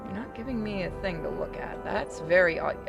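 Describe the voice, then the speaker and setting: Her voice is fairly low and creaky, and she speaks fairly quickly. Streaming a video game to the sound of its music, she keeps up informal, casual talk as she plays.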